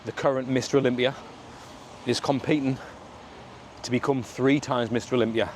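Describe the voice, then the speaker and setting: Male travel vlogger, Sunderland accent, colloquial and matey, mid-pitched, walking outdoors with some traffic noise behind. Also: steady tone, moderate pace, darkish tone. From Sunderland, north-east England. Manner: colloquial, matey, full of regional slang. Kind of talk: casual walking vlog chat to camera. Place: outdoors on a suburban street in the rain.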